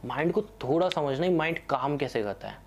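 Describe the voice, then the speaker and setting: Man giving casual advice, slightly high voice. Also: lively intonation, a little fast, slight background noise. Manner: conversational, repeats "theek hai" often. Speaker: host. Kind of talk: casual advice talk to camera.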